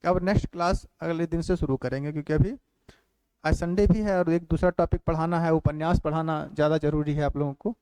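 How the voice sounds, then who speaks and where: A man teaching a grammar class who repeats phrases slowly for note-taking and keeps asking quick check questions. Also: on the high side, steady tone, a little mellow, clear, resonant tone, no room sound. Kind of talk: classroom lecture.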